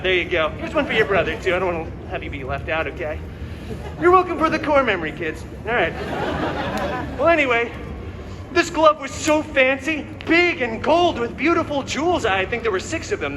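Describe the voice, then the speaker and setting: A costumed character performer hosts a live story show at an outdoor theme park, playing a cocky, wisecracking comic-book antihero. His high, expressive voice moves fairly quickly as he theatrically tells a fairy tale with a wry mood and sarcastic, self-mocking asides. The clip is filmed from the audience, with a noisy outdoor crowd.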